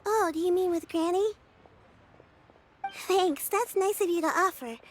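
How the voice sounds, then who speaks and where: A very high-pitched caring girl. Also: a little slow, slight background noise. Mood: earnest. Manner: bright, polite and earnest. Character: caring, cheerful young girl looking after her grandmother. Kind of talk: English video game dub. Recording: game audio with music underneath.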